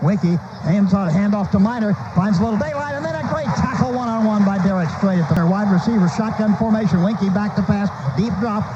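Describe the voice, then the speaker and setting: Brisk and barely pausing, this high-voiced American radio announcer calls a live football game play by play. His delivery is urgent, clipped, and staccato, carried on a noisy, muddy lo-fi broadcast.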